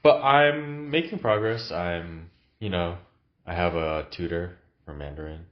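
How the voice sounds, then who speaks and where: Sitting low in pitch and in no hurry, a man with a cough reflects casually on camera from his new apartment. The vlogger hesitates often and leans on fillers, and the audio sounds dull.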